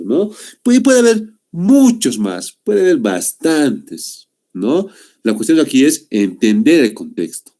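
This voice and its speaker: A man's voice: mid-range voice, warm tone. A young man teaching a class over a video call, explaining patiently and checking in with "¿no?" after each point. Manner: explanatory, repeats "¿no?" and "muy bien". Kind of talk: online class.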